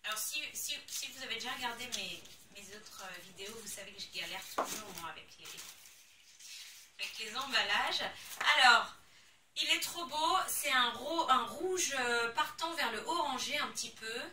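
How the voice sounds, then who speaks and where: Une jeune femme à l'français qui déballe des produits de beauté avec enthousiasme, en parlant de façon spontanée et exclamative. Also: female voice, fairly high pitch, moderate pace, background noise. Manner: excitable, gushing, exclamations. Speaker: beauty vlogger. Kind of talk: casual unboxing chat. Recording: echoey room, somewhat far from the mic.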